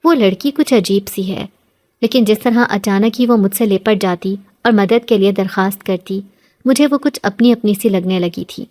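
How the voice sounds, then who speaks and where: A woman narrating a scripted horror story in a steady, dramatic reading. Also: mid-range voice.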